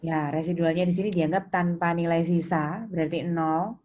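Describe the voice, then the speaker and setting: Her fairly low, slightly mellow voice stays steady at a moderate pace as this Indonesian-accented woman lectures on accounting. She explains things didactically and questions the class, and the recording is noisy with keyboard typing.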